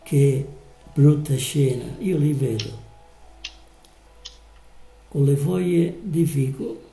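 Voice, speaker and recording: A man preaching a live sermon, slow and emphatic, drawing out his words. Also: fairly high pitch, gravelly, warm tone, echoey room, soft background music, poor audio.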